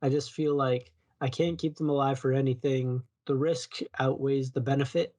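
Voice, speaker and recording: A man co-hosts a casual podcast about video games. His voice sits at a middling pitch, and he rambles loosely, often stopping to restart a sentence. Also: fairly even intonation, moderate pace, a little mellow. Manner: rambling, self-correcting, loose. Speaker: podcast co-host.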